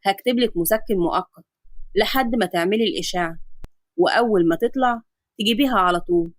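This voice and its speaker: A woman voicing a young male Egyptian doctor, curt and deadpan with sly teasing. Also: sits high, fast talker, no room sound, lightly acted. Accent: Egyptian Arabic.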